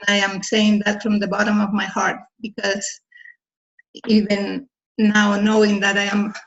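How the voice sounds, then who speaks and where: An older woman on a group video call giving heartfelt testimony in an earnest, deliberate way, with hesitant fillers. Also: mid-range voice, completely flat delivery. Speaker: team member on a group call. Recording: dull, lo-fi video call audio.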